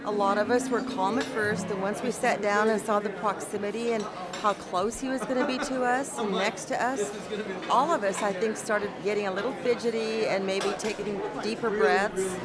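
Older woman, earnest plain speech, loud music, crowd noise. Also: mid-range voice, steady tone, moderate pace. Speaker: retired teacher, dinner guest. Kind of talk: casual interview.

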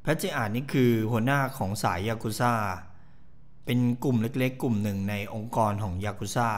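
A man dubbing video game dialogue as a fan, speaking low and steady, slightly deepened. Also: moderate pace.

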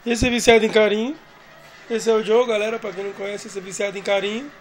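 A man's voice: high voice, little pitch movement, fast, low-quality recording. Playful dad filming his family on a phone. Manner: playful, chatty, doting on the dog. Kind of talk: casual home video narration. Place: family home indoors. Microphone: phone camera.

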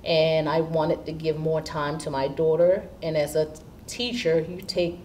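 A Haitian woman in her fifties, an assistant principal, answers questions in a seated interview in an indoor school studio with a curtain backdrop. Her deep voice is slightly mellow, fairly even in intonation and unhurried. The distant mic picks up room noise.

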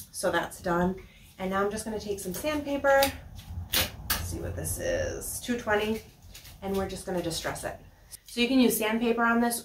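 Lowish-voiced woman showing a diy furniture job, chatty w/ ums, echoey little workshop. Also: slight background noise. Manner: chatty, explains while working, frequent ums. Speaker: furniture upcycling host. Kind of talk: casual how-to demonstration. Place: small indoor workshop studio.

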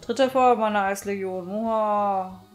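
A woman's voice: fairly high pitch, fairly even intonation, fairly quick, soft background music, lightly acted. A woman playing a gloating male warlock villain. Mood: menacing. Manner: loud, grandiose, theatrical evil laugh. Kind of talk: reading game dialogue aloud.

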